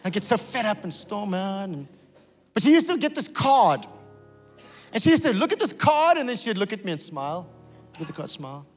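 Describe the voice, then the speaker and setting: A male pastor preaching a sermon in a church, telling stories and acting out voices with lively energy. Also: high-pitched, a little fast, long reverb tail, faint music behind. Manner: animated storytelling with acted-out voices. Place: church sanctuary.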